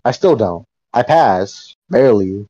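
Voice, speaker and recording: A man's voice: on the low side, expressive, measured pace, dark tone. A man co-hosting a podcast, telling a rambling, profane story and laughing often in casual chat. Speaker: podcast co-host. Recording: dull lo-fi sound.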